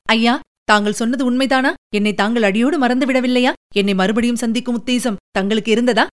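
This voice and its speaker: Lady doing a timid young noblewoman, shy and hesitant, clear smooth voice. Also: fairly high pitch, fairly even intonation, a little fast, natural voice.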